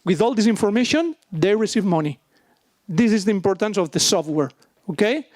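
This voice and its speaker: A man from Spain with a Spanish accent, presenting in halting, Spanglish-style non-native English, searching for words. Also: sits high, lively intonation, a little mellow, no room sound, studio quality. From Barcelona, Spain. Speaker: software company presenter. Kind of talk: business presentation with questions.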